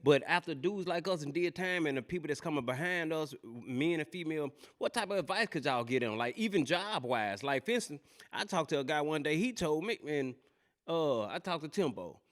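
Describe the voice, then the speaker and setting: A man with a fairly high voice hosts a casual talk show. He tells his stories loudly and with animation, in heavy Southern slang. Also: animated, brisk. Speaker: host.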